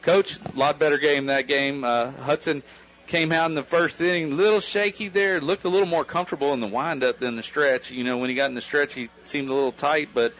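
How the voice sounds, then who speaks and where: A man's voice: steady tone, fairly quick, a bit bright. An American man working as a baseball announcer, giving post-game commentary and interviewing in colloquial, folksy phrasing. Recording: dull low-fi local radio broadcast.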